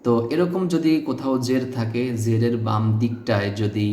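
A man teaching Quran pronunciation, repeating syllables slowly and patiently to stress the correct sounds. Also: medium pitch, dark tone, a little hiss or hum. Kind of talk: step-by-step pronunciation lesson. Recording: echoey room.

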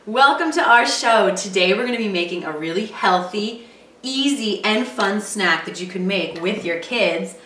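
A mother in her thirties hosts a casual cooking show with her daughter in her home kitchen, cheerfully walking through a snack. Her bright, forward, medium-pitched voice is animated and moderately paced as she chats upbeat and offers encouraging tips. A far camera mic gives roomy, distant sound.

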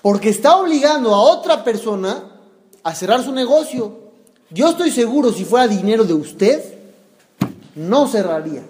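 A man voicing an angry, domineering landlord who scolds and yells. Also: very high-pitched, very animated, moderate pace. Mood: accusing. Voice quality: shouting, scolding. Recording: long hall reverb.

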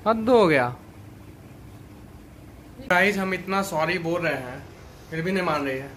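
A man's voice: on the high side, lively intonation, measured pace, a bit bright, slight background noise. A man in his thirties filming a casual family vlog in a small room at home, pleading with his wife and sounding exasperated. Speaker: vlogger husband. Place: small home bedroom, indoors.

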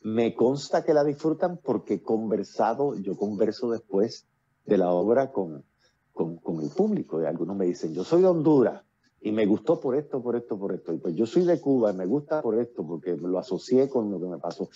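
Speaking with a Puerto Rican Spanish accent, this playwright and actor from Puerto Rico, a man in his fifties, is the guest on a casual video-call interview and talks at length with many fillers and restarts. His fairly low voice is expressive, mellow and husky, at a moderate pace. The recording from his earphone mic sounds muffled.

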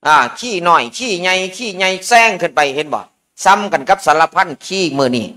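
Isan monk for a relaxed ceremony sermon, slightly high male voice, folksy and joking. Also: a little fast. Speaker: Buddhist monk. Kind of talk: informal sermon at a merit-making ceremony.

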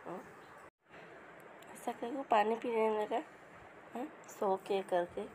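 Woman, comic pet voice-over, playful scolding, slow delivery, noisy recording. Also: fairly high pitch, a little mellow. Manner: playful scolding, coaxing the animals. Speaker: voice-over commentator for pet clips. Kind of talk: comic voice-over talking to pets.

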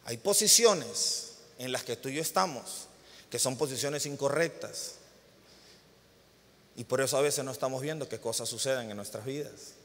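A man in his thirties preaching a sermon, telling a family story with lively, animated delivery and sudden loud bursts. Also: medium pitch, normal speed, long reverb tail. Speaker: pastor. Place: church hall.

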